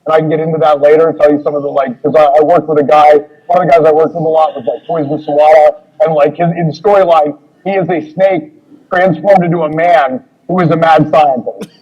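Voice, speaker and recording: Man, guest wrestler, husky voice, slightly high pitch, rambling casual storytelling, lots of ums. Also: fairly even intonation, fairly quick, a little mellow, lo-fi sound. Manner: rambling, filler-heavy, acts out dialogue.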